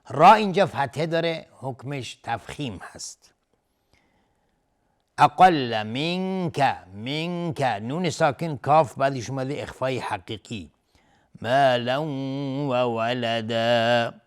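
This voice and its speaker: A man teaching Quran recitation on a television lesson, switching between slow chanted verses and brisk spoken explanations of pronunciation rules. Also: mid-range voice.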